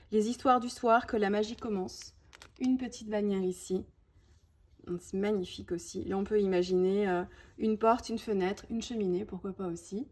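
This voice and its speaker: A French woman hosts a scrapbooking video, chatting her way through a show-and-tell of her collection with little "hop" and "voilà" asides. Her mid-range voice has a darkish, breathy quality.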